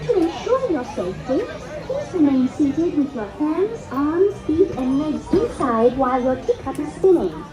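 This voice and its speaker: A woman giving a prim, overly polite scripted safety announcement for a ride over an outdoor loudspeaker. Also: sits high, big pitch swings, measured pace, hardly any pauses. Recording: echoey loudspeaker amid park crowd.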